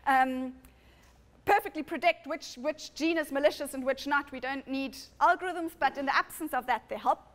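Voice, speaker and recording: High-voiced woman giving a lecture. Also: a bit bright. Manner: explanatory, often restarts and corrects herself. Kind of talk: conference lecture. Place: lecture room with audience.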